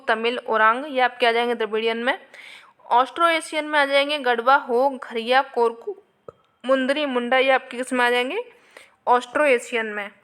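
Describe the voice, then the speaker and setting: Working through old exam questions for her students, a woman teacher explains each answer and repeats the important points, frequently using "आपके" to address viewers. Her voice leans high, with a fairly bright, clear and resonant tone.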